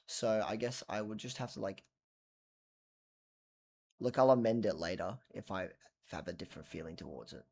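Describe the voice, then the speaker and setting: Man, low voice, tired, rambling casual vlog, mumbles and swears, late night at home. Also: moderate pace, gravelly, pauses often, darkish tone, slight background noise. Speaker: vlogger reviewing a record.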